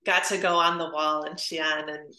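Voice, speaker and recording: A woman from Illinois, an audience member, puts questions to a speaker in casual conversation, polite and hesitant with many fillers. Her low voice is sharp in tone, flat in delivery, and moderately paced, with a roomy echo.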